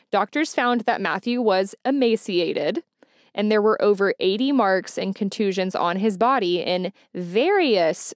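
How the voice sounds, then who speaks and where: A woman's voice: medium pitch, dry recording, clean studio sound. A woman hosting a mystery podcast, retelling a true-crime story in a casual, chatty way, full of fillers and asides to her listeners. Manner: chatty, frequent "like" and "you know" fillers; conversational, addresses listeners directly. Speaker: podcast host.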